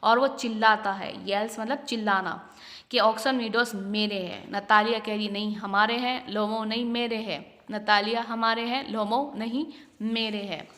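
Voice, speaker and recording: Woman teacher, bright voice, slow deliberate reading, mixes English into Hindi, long reverb. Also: fairly high pitch, steady tone. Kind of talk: explaining a school text, reading lines aloud.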